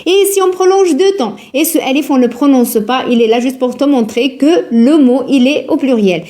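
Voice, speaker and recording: A woman teaching Quran recitation rules in a live lesson, patient and repetitive, drilling words slowly and asking her students questions. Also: sits high, dark tone. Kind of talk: live online tajwid lesson.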